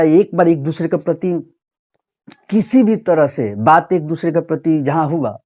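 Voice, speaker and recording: A man's voice: on the high side, dark tone. Earnest Bihari man lecturing on camera. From Bihar, India. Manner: earnest, appealing and lecturing, direct address. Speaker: vlogger. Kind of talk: earnest direct-to-camera commentary.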